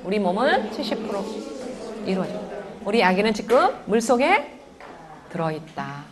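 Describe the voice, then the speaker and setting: A woman giving a lively parenting lecture, keeps firing questions at her audience. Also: mid-range voice, moderate pace, crowd noise. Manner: animated, keeps quizzing the audience.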